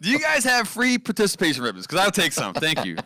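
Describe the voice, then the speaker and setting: A man co-hosting a loose live chat show, spinning profane stories with big swings in pitch. His voice is bright and forceful, and it sits on the higher side. The sound is close and dry. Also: fast, no room sound. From West Virginia. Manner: profane storytelling, animated. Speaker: co-host. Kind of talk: casual chat.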